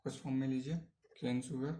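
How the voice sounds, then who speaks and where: A man's voice: mid-range voice, steady tone, moderate pace, mellow. Man teaching chemistry, asks and answers himself. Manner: asks questions then answers them, frequent "है ना" tags; mixes English terms into Hindi. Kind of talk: online chemistry lecture.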